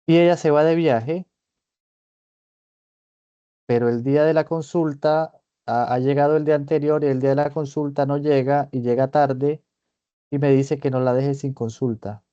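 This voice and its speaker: A man presenting a clinical case in a seminar, talking it through in a measured, reflective way and often checking in with his listeners. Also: medium pitch, dark tone, clear, resonant tone, no room sound, lo-fi sound. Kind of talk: seminar lecture, thinking aloud. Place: online meeting.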